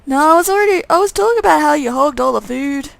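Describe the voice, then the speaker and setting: A woman voicing a sarcastic young man, a flesh-hungry twin brother who grumbles and threatens in a game reading. Her voice is a bit high and gravelly. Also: lively intonation, fast, no echo, exaggerated voice. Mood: aggrieved.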